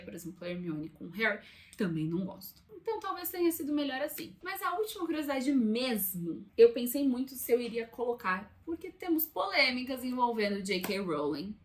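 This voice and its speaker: A chatty Brazilian woman with a slightly high voice and a Brazilian Portuguese accent hosts a book channel. She talks conversationally to the camera in a casual talking-head vlog, tossing asides to viewers from a room by a window.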